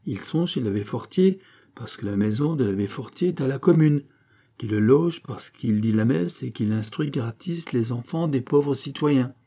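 A man's voice: mid-range voice, animated, normal speed, mellow. A man voicing a boastful young villager who lectures his neighbours in an emphatic, pompous way. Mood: lecturing. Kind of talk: audiobook character voice.

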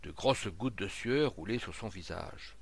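A man reading a literary short story aloud, expressive, with occasional hesitations. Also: on the low side, unhurried, creaky, breathy edge. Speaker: reader.

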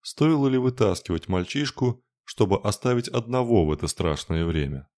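A man's voice: fairly low pitch, expressive, moderate pace, a little mellow, voice pushed up, close to an everyday voice. A man voicing a stern, motherly female spirit who scolds everyone. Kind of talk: audiobook narration.

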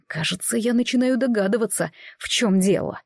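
A woman's voice: a little high, a little fast, gravelly, darkish tone, no room sound, studio quality. A woman reading an audiobook, voicing a terse, protective grown man. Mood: angry.

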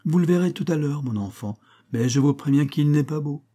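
A man's voice: fairly high pitch, animated, a little fast, dark tone, pitched above the performer's own voice. A man voicing a gleeful young society wife, gossipy and full of amusement. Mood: instructing. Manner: gossipy, breathless with amusement when retelling.

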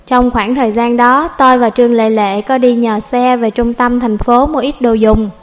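A woman narrating a novel audiobook in a calm, even storytelling manner, over faint music. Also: fairly high pitch, normal speed, muffled recording.

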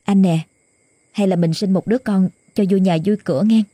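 A woman voicing a gentle, timid young wife, soft and apologetic. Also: medium pitch, moderate pace, no echo, clean studio sound, lightly acted.

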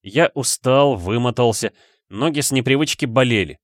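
A man reading a first-person story aloud in steady audiobook narration. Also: mid-range voice, normal speed, no echo, clean studio sound.

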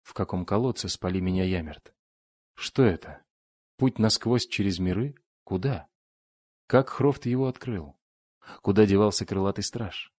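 A man voicing a bewildered young warrior mage in an audiobook, tense and questioning, slightly lower and quieter than his narration. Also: moderate pace, no echo, clean studio sound, lightly acted. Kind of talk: audiobook character voice.

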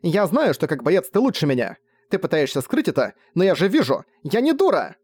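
A man voicing a furious, tearful young woman mage who shouts in anguished outbursts while crying. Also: sits high, sing-song, a little fast, husky, pitched above the performer's own voice, full character voice. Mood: tearful fury.

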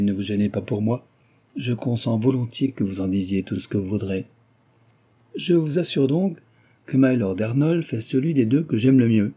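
A man's voice: lowish voice, mellow, breathy edge. A man reading aloud, voicing a frivolous, gossiping young aristocratic lady who talks flippantly and teases. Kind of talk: audiobook character reading.

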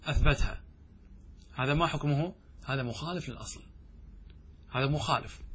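A man teaching a grammar lesson who poses questions to his students and answers them himself, chanting verses slowly. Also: medium pitch, fairly bright tone, husky. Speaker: sheikh teaching Arabic grammar. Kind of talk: classroom lesson explaining verse.

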